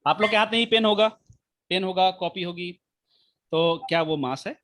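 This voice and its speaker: A man teaching a physics class online, explaining slowly with many repetitions and rhetorical questions, speaking with the mic held right at his mouth. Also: high voice, fairly bright tone. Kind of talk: live online class lecture.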